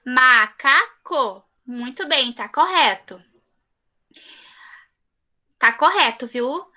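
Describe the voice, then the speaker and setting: A Brazilian primary school teacher with a high, bright, lively voice speaks with a Brazilian Portuguese accent through a computer mic on a video call, and the sound is muffled. Teaching an online class of young children, she patiently and slowly repeats each answer and offers praise.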